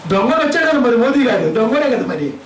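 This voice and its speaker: A man's voice: very high-pitched, sing-song, fast, reverberant, recorded from a distance, slight background noise, poor audio. A male pastor with a Telugu accent preaching a sermon, scolding his listeners with a string of rhetorical questions.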